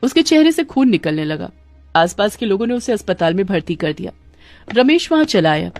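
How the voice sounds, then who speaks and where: A woman's voice: mid-range voice, very animated, fairly quick, darkish tone, no echo, faint music behind. A woman narrating a dramatic family story and voicing its characters.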